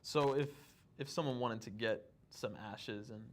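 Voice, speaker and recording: A man's voice: medium pitch, unhurried. Jokey male talk show host. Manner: jokey, laughs often. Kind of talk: casual interview chat.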